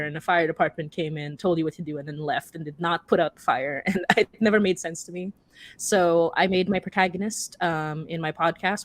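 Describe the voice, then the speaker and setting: A young woman with a lowish voice, a podcast creator, speaks casually as a panelist, explaining things with little acted-out asides. There is no echo.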